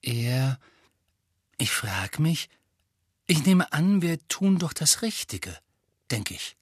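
A worried, earnest teenage girl who halts and weighs every word, read by a man raising his voice a little. Her tone is husky and dry, with long careful pauses. It sounds like a storybook read close to the mic. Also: on the high side, very animated, dry recording, voice pushed up, exaggerated voice. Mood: hesitant, worried. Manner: hesitant, choosing words with many pauses. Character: earnest, anxious teenage schoolgirl, hesitant.

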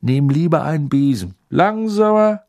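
Ein Mann, der in einem Hörbuch einen fröhlichen, väterlichen Zauberer mittleren Alters spricht. Die Stimme klingt eifrig und erklärend und ist deutlich angehoben. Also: male voice, a little high, lively intonation, normal speed, darkish tone, pitched above the performer's own voice. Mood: eager explaining. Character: cheerful fatherly wizard, middle-aged man.

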